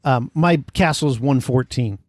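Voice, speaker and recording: A man's voice: mid-range voice, moderate pace, no echo, clean studio sound. A man hosting a casual gaming podcast, explaining things in a conversational way. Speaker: podcast host.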